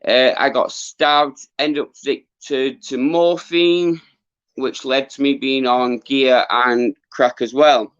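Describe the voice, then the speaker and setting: A man's voice: mid-range voice, steady tone, a bit bright, clean tone, no echo. Man livestreaming, dull lo-fi sound. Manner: earnest, halting, rambling. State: losing his voice. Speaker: livestream host, former boxer. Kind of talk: casual livestream chat with viewers.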